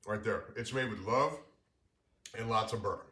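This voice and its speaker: A man's voice: lowish voice, normal speed, sharp tone, echoey room. A man from St. Louis hosting a casual bar show, upbeat and joking with his guest. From St. Louis, Missouri. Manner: upbeat, jokey, talks with mouth full. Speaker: host. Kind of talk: casual chat.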